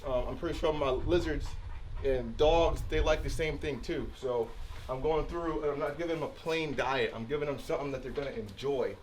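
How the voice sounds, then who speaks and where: A man's voice: medium pitch, brisk. Guy with a stuffy nose casually talking through feeding his dogs, bit of faint background noise. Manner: relaxed, chatty, talks to his dogs. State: congested from allergies. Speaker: animal vlogger. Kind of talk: casual vlog narration.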